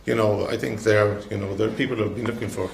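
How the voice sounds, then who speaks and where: Gravelly west of Ireland man in his fifties. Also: fairly low pitch, steady tone. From Galway, west of Ireland. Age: 50s. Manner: halting, plain-spoken, down-to-earth. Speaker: citizen member speaking at a public meeting. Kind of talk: unscripted personal testimony to an audience. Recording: echoey room with faint noise.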